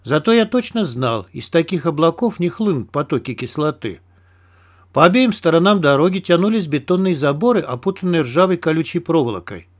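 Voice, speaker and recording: Man narrating an audiobook, fairly high voice. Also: animated, fairly quick. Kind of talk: scripted first-person audiobook narration.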